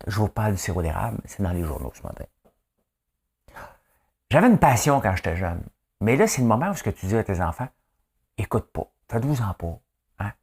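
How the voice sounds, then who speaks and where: This Québécois-accented man's lowish, slightly rough voice carries his daily news show, where he chats casually by himself. He jokes and rambles, frequently drifting into asides.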